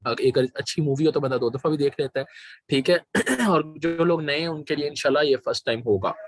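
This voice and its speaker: A man with a sore throat teaching an online class in a relaxed, conversational way, clearing his throat now and then and often checking in with "okay?". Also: a little high. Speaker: online course instructor. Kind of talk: live-streamed lecture.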